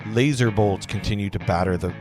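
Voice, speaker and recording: As narrator of a table read, a man with a low voice briskly reads screenplay stage directions aloud, with guitar music clearly audible behind him. His delivery is informal and slightly bumbling; he stumbles over words and jokes about it.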